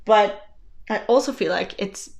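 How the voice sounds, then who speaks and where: A woman's voice: medium pitch, measured pace, vocal fry, a little mellow. A woman, chatting casually about her knitting projects, laughing often and poking fun at her own mistakes. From Sweden. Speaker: knitting vlogger. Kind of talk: casual chat.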